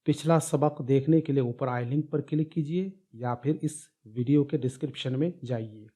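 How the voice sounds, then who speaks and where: A man giving a step-by-step Arabic grammar lesson, slowly drilling syllables one at a time. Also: mid-range voice, dark tone. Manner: slow, drawn-out syllable drills. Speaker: Arabic teacher.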